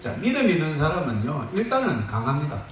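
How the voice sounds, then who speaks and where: A male pastor preaching a sermon in a lively, joking way, laughing often, recorded on a phone from far off in a church hall. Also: on the high side, fast. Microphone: phone far off in the room. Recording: echoey room from far off on a phone.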